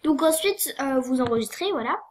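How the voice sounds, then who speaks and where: A woman's voice: sits high, expressive, normal speed. A young woman with a cold walks through a tutorial, hesitant, with many fillers and apologies. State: sniffly with a cold. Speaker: tutorial maker. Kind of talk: screen-recorded game tutorial.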